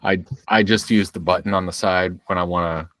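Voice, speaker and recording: A man's voice: deep voice, steady tone, a little fast, a bit bright, no echo. A man co-hosting a podcast, telling stories in an easygoing way with hedging fillers. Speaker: podcast co-host. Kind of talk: casual chat.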